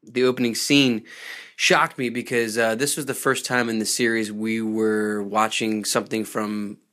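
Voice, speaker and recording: A man hosting a casual podcast, rambling and animated as he recaps a TV episode. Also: lowish voice. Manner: rambling, animated, does quick impressions of characters. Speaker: podcast host.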